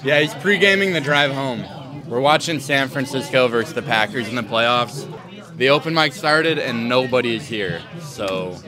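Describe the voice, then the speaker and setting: A young man talks straight into a handheld camera at arm's length, going over his stand-up set in crude, joking asides. He chats casually from a bar and later from his parked car at night, in a plain mid-pitched voice. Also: normal speed, over music. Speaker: comedian vlogging an open mic night. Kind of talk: casual vlog chat.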